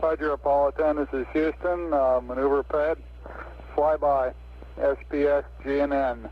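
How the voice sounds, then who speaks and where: A man's voice: a little high, steady tone, moderate pace. Man on crackly, muffled military-style radio. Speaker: mission control radio communicator. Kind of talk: procedural radio talk, reading out figures. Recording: dull radio link with static.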